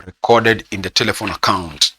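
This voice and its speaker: A man with a Kenyan accent teaching an accounting lesson, asking the class questions and repeating phrases slowly so students can write them down. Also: lowish voice, pushed and bright, slightly rough, no room sound, low-quality recording. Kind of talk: classroom lecture with dictated notes.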